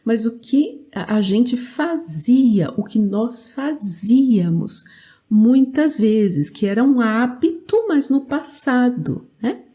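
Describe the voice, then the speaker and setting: A woman with a Brazilian Portuguese accent teaching a language lesson, speaking clearly and drilling verb forms for learners to repeat. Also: a little high, lively intonation, slow pace, warm tone.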